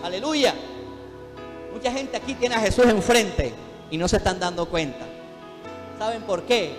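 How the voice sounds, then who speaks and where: A man with a high voice preaches a fervent sermon as pastor, calling out to his congregation. His voice rings through a church with a long, trailing reverb. Soft music plays faintly beneath him. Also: expressive, unhurried.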